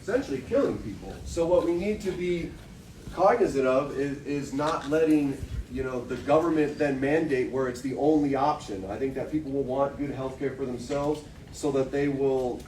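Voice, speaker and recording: A man's voice: medium pitch, normal speed, darkish tone. A young man debating, meandering and searching for words as he argues. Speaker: student debater. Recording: echoey room, distant mic, noise.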